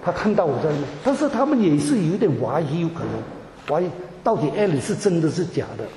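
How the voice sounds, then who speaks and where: A man tells his personal testimony to a congregation in a high voice, tripping over repeated words and slipping English terms into his speech. He is recorded in a large hall that gives every phrase a long, roomy reverb. A faint room hum sits underneath. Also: sing-song, fast, dark tone. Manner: stammering repetitions, drops in English words. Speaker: church member giving a testimony.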